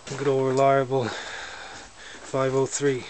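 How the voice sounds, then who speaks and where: Holding a handheld camera close, a man narrates a slow, casual walkaround of his snowmobile indoors, in a windowed garage or shed. He sounds relaxed and matter-of-fact in a plain, middling-pitched voice, and the camera audio carries noticeable noise beneath him.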